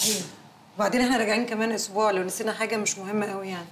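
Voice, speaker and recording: A woman's voice: medium pitch, steady tone, very fast, a little hiss or hum, natural voice. A young woman with an Egyptian accent, playing a patient in a TV drama in a subdued, shy manner. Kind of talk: TV drama acting.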